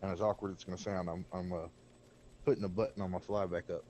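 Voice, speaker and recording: Man, very deep voice, blunt rambling stream chat, faint background hiss. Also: flat delivery, fast talker, warm tone. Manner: blunt, rambling, talks with a cigarette in his mouth. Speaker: game server co-host. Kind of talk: casual gaming stream chat. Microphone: desk microphone by keyboard.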